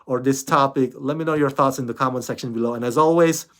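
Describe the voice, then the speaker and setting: A man's voice: mid-range voice, fast talker, a bit bright. A man hosting a casual commentary vlog, talking in a chatty, rambling way with many restarts and "you know"s, and laughing often. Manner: laughs often, playfully sarcastic. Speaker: channel host.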